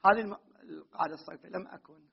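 A man lectures on grammar in a very high, husky voice, repeating each key term and firing rhetorical questions at his students before answering them. The recording is dull and lo-fi. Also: racing. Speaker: grammar teacher. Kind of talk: classroom lecture.

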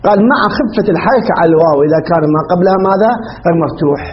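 A man's voice: high voice, lively intonation, rapid-fire, muffled recording. A man teaching a classroom grammar lesson, asking questions and answering them himself.

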